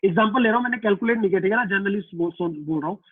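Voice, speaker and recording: Guy teaching physics online, really high voice, tinny phone-like sound, keeps repeating stuff. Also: very fast, no room sound. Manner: repeats himself and voices students' questions to himself; casual, addresses students as "beta" and "yaar". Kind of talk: online class lecture. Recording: tinny, dry phone-like line.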